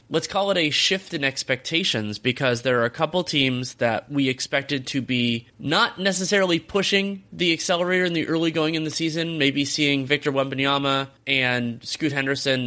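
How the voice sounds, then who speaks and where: A man reading scripted sports promos in a loud, dense broadcast radio delivery. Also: medium pitch.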